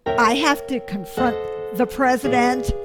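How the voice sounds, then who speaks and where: Speaking at a measured pace in a slightly high voice, a host in her seventies addresses viewers over loud background music. She rambles casually, poking fun at herself and tossing in joking asides.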